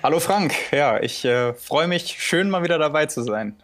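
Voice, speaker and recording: A man's voice: fairly high pitch, expressive, normal speed, no room sound. A man co-hosting a podcast as an expert, talking casually over a remote call and thinking aloud as he goes. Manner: hesitant, many fillers and restarts, thinking aloud. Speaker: podcast co-host, triathlon expert.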